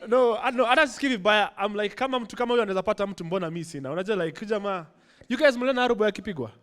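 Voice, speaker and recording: A Kenyan stand-up comedian with a high, slightly bright voice races through a set on a club stage using a handheld mic. He chats loosely and conversationally with the crowd, teasing them and switching between English and Swahili.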